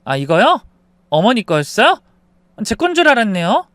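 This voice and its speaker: Guy doing a sneaky young wife, evasive, smooth dry voice. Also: sits high, huge pitch swings, moderate pace, a bit bright, no echo, pitched above the performer's own voice, heavily acted. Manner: evasive, feigned innocence. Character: sly lying young daughter-in-law.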